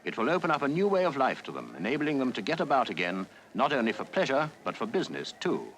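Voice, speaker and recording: A man narrating an old newsreel, jaunty and chatty like a guide walking you round a show. His pitch rises and falls with lively swings, set in the middle of the range, with a faint hiss of noise underneath. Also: fast talker, poor audio. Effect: old newsreel voice-over. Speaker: newsreel commentator. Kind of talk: 1948 newsreel commentary.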